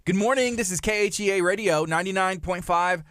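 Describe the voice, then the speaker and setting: This thirties-aged radio co-host has a high-sitting, somewhat bright voice and a brisk delivery. Chatting casually and cheerfully on a live morning show, he laughs a lot and keeps restarting his phrases, captured on a studio mic in the studio.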